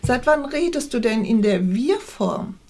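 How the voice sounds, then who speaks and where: A woman reading aloud as an irritable, sharp-tongued middle-aged wife who snaps sarcastically. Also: fairly high pitch, lively intonation, measured pace, pitched above the performer's own voice. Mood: irritated. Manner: snappy, sarcastic read dialogue.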